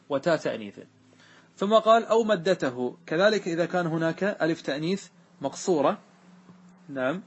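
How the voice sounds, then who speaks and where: A man with a fairly high, husky voice teaches Arabic grammar in a classroom lesson on a grammar poem. He patiently repeats examples and checks that his students are keeping up.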